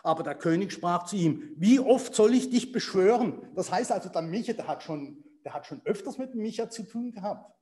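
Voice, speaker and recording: A man preaching a sermon, reading Bible verses and explaining them with asides to his congregation, moving between quiet remarks and emphatic points. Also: high-pitched, expressive, brisk.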